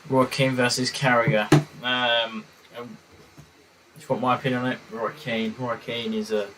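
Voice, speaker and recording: A man's voice: medium pitch, little pitch movement, normal speed, background noise. Rambling young man on a stream. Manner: rambling, hesitant, lots of fillers. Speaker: football watchalong streamer. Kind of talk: casual live-stream chat.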